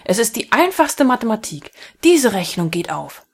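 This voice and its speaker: A woman voicing an eager male maths teacher in a read-aloud story, with an excited, raised and loud delivery and a breathy tone. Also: fairly high pitch, moderate pace, exaggerated voice.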